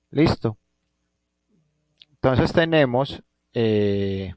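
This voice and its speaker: His voice runs on the low side with a darkish tone, and the recording has no echo. He's a Colombian man with a Colombian Spanish accent giving a live online physics lecture from home, often pausing to check with students as he thinks aloud.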